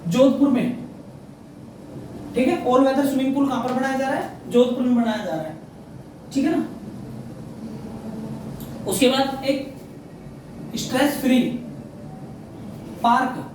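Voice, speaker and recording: Male tutor, mellow voice, repeats every answer, heard from far off in a boomy room. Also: steady tone, measured pace, pauses often. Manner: repeats facts, quizzes himself, frequent "theek hai na". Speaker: exam prep teacher. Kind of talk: current affairs lesson. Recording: very echoey room, mic far off, faint noise.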